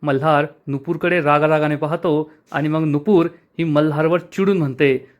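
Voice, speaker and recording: High-voiced man narrating a serial recap. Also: moderate pace, muffled recording. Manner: steady storytelling.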